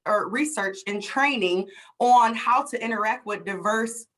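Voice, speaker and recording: A woman hosts a conversation as a DEI consultant, explaining with passion and emphasis through everyday scenarios and rhetorical questions. Her voice is on the high side, unhurried and a bit bright.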